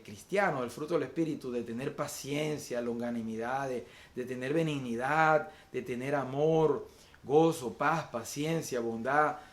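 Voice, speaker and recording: A man's voice: mid-range voice, roomy sound. A man preaching an online Sunday sermon as pastor, often repeating words and using fillers while he searches for the next phrase. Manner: slows to list virtues one by one.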